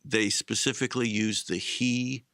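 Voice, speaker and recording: A man co-hosting a casual discussion, explaining things in a measured way. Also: mid-range voice, steady tone, sharp tone, dry recording, studio quality. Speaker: co-host.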